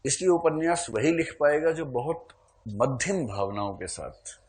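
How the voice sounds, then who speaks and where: A man's voice: on the high side, animated, unhurried, darkish tone. Chuckling male literature teacher lecturing. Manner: explains patiently, with humorous asides and chuckles. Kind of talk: classroom lecture.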